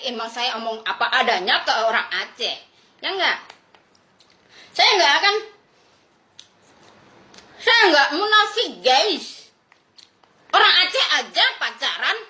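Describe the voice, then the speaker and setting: A woman's voice: high voice, sharp tone, roomy sound. A woman from Indonesia in an angry livestream rant, brash and mocking, who swears freely and laughs scornfully.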